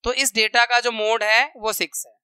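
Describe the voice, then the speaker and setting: A man's voice: extremely high pitch, flat delivery, normal speed, pushed and bright, clean tone, dry recording. A man teaching a maths lesson to schoolchildren, explaining step by step, counting numbers aloud and checking in often.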